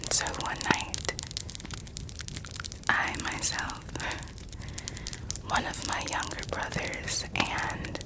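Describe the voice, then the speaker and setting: A person telling stories in a soft, breathy ASMR whisper, lingering over words and softly repeating some of them. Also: very slow, pauses often, poor audio. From United States. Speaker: ASMR creator.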